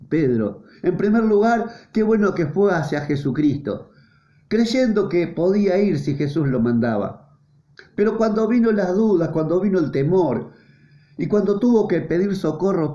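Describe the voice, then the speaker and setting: A male pastor preaches an earnest, repetitive sermon with a mellow, dark tone. His pitch sits in the middle and keeps swelling and falling. The sound is roomy and a little dull, like a lo-fi church recording.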